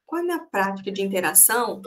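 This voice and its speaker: A woman's voice: mid-range voice, sing-song, fairly quick. A middle-aged woman teacher giving an online lecture to her students, speaking conversationally and often checking in with them, recorded on a computer microphone.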